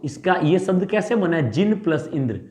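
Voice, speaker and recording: A man teaching a Hindi exam class, drilling memory tricks with animated repeated questions and answers. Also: a little high, normal speed, echoey room. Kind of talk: mnemonic lecture.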